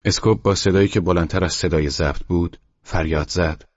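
Audiobook narrator: man, very deep and breathy, quiet measured delivery, dry lo-fi sound. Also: fairly even intonation, no room sound. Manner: quiet, measured, at times near a whisper. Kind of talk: scripted narration. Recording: dry, dull lo-fi studio recording.

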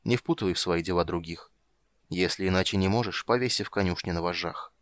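A grim, restrained monster hunter with a low, quiet voice, as a male narrator reads him in an audiobook. He speaks slowly and in clipped phrases. The sound is close and dry. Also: dry recording. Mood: cold. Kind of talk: audiobook character voice.

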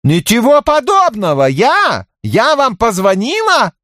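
A sulky, tipsy young woman protests in a whiny, indignant voice, played by a male audiobook reader. She draws out her words slowly and swings her pitch high. The sound is dry and close-miked. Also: big pitch swings, no echo, heavily acted.

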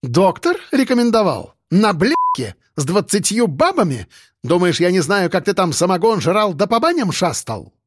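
A man reading an audiobook, voicing an angry, domineering middle-aged woman boss who yells and scolds coarsely. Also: sits high, sing-song, moderate pace, no echo, clean studio sound, pitched above the performer's own voice. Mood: yelling.

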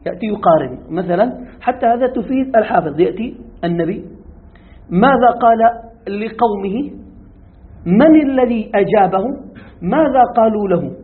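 A man teaching a commentary lesson, often asking his students if they follow and posing questions to them. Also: sits high. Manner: keeps asking students if it's clear; poses rhetorical questions. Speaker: sheikh teaching Quran commentary. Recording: tinny phone-like audio.

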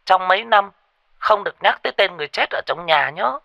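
A frantic middle-aged sorcerer's wife, put on by a male narrator, urgent and shrill. Her voice leaps high and swoops widely with a gravelly edge. Recorded dry and close. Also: lively intonation, a little fast, sharp tone, dry recording, dull audio, heavily acted. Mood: urgent warning. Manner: urgent, high-pitched warning. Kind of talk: ghost story narration.

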